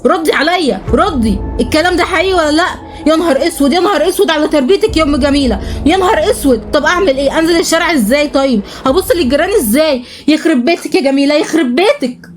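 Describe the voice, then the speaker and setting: A woman with an Egyptian accent voicing an outraged middle-aged mother who scolds fast. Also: lively intonation, a little hiss or hum. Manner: scolding, high-pitched and fast. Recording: voice over loud background music.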